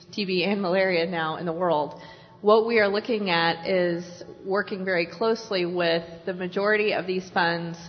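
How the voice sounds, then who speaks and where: A woman in a large hall gives a measured explanation during a panel Q&A. Her lowish voice carries a long reverb. The sound is dull and lo-fi. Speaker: partner organization spokesperson. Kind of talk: panel Q&A answer.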